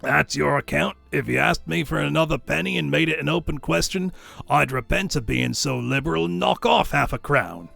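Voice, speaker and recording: A man's voice: fairly high pitch, moderate pace, gravelly, sharp tone, faint music behind, exaggerated voice. A man voicing a sly, grudging old dealer in stolen goods, wry and haggling, in a storybook reading. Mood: mock generous. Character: sly, miserly old male fence, grudging. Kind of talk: storybook character voice.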